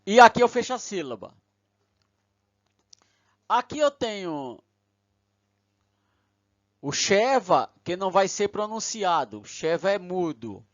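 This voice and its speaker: A man's voice: sits high, sing-song, takes it slowly, pauses often, no echo. A man, lecturing patiently step by step and often checking in with his listeners. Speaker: teacher. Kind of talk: recorded lecture. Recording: dull lo-fi recording.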